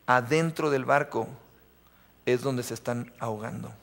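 A man's voice: medium pitch, measured pace, fairly bright tone. A man preaching a live sermon to young people in a church, emphatic, repeating refrains and asking the audience questions. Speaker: youth preacher. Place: church sanctuary. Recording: long reverb of a church hall.

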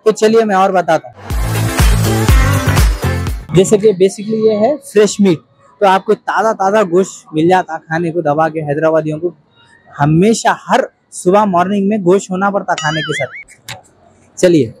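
Guy hosting a supermarket walkthrough vlog, high voice, chatty and upbeat, faint music behind. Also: steady tone, normal speed, pauses often. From Hyderabad, India. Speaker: vlogger and host. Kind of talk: walking store tour vlog. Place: large busy supermarket indoors.

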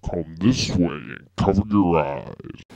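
Sinister talking pumpkin played by a man for a comedy skit: extremely low, growly, theatrical, mock-polite. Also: dull audio. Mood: commanding. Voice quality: gravelly, growly. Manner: slow, theatrical, mock-menacing. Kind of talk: amateur comedy skit acting. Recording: noisy amateur home video.

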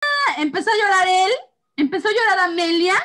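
A woman in her thirties with a Mexican accent and a very high voice talks a little fast amid slight background noise. Co-hosting an essential oils channel, she chats casually with her sister, telling family stories animatedly and laughing often.

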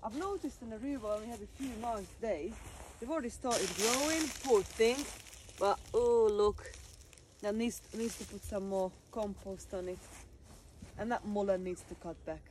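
In this casual walkthrough, a garden vlogger chats as she walks outside, drawing attention to things around her. Her medium-pitched voice is a little mellow and moves at a moderate pace, on a low-quality recording with slight background noise.

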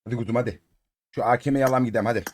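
A Turkish man giving casual commentary while opening crates in a mobile game, excitable, chanting repeated words and coaxing his cat. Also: medium pitch, rapid-fire.

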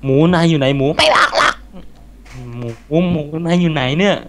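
A young man hosting a casual game let's-play, excitable, swearing and chatting to the animals in the game. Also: on the high side, normal speed. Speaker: gaming channel host.

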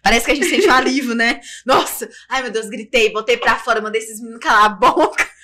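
Woman podcast host, quick and bright, chatty, jokey. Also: on the high side. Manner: chatty and joking, laughs often. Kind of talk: casual interview chat.

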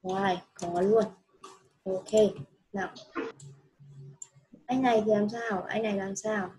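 A woman's voice: medium pitch, fairly even intonation, slow pace, mellow, a little hiss or hum, rough recording. A woman teaching a child English, patient and coaxing, repeating each answer back. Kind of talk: one-on-one children's English lesson.

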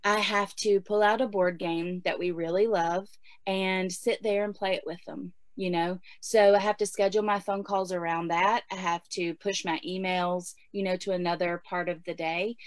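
A woman's voice: fairly low pitch, no echo. A woman in her forties giving casual homeschooling advice in a chatty way, with many fillers. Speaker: homeschooling guest speaker.

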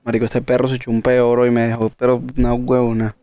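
Gamer, rapid-fire slangy chatter, dry close sound. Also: male voice, medium pitch, completely flat delivery, smooth, dry recording, dull audio. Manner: rapid slangy talk, bossy with teammates. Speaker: online game player. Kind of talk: casual gaming voice chat.

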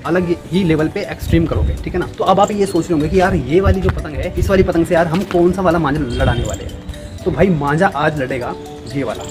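Over music, a young man with a higher-than-average voice vlogs from an open rooftop at a slightly quick clip. He chats casually, sprinkling in "friends" and "okay?", mixing a relaxed demo with live calls of a kite match.

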